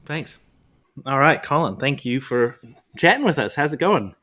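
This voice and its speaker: A man's voice: on the high side, very animated, normal speed, pushed and bright. Upbeat chatty man from Canada. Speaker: podcast host. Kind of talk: casual podcast chat.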